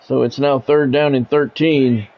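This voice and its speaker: Over background music on a dull lo-fi microphone, an American man narrates a football video game as it happens. His clipped radio-announcer phrases come at a measured pace, with medium pitch and fairly even intonation, as he chats casually with people watching his stream.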